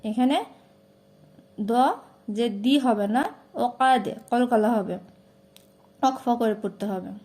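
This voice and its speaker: A woman's voice: on the high side, takes it slowly, dark tone. A woman with a Bangladeshi Bengali accent teaching Quran pronunciation, stretching out each syllable as she recites. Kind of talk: slow pronunciation lesson.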